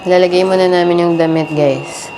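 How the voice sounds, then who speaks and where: A woman narrates a family travel vlog in a chatty, easygoing way, walking viewers through a hotel laundry and a convenience store. Her voice sits a little low. A handheld camera picks her up with plenty of noise in the background. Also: steady tone, moderate pace. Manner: chatty, keeps addressing viewers as guys. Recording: noisy handheld vlog audio.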